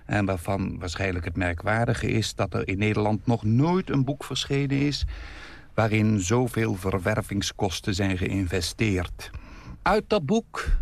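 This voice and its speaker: A man introducing his own story with a wry hesitance. His voice is fairly low and gravelly, recorded close and dry. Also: no room sound. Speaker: author.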